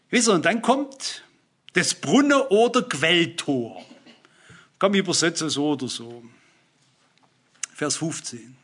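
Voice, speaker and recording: Man preaching, high and husky, earnest, speaks straight to the congregation. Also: a bit bright. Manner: earnest, addresses listeners with "wisst ihr", cites Bible verses. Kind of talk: sermon.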